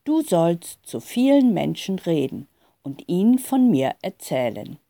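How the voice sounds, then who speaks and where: A woman voicing a calm, reassuring divine voice that speaks solemnly to a boy, in a storybook reading. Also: lowish voice, unhurried, creaky, dry recording, heavily acted.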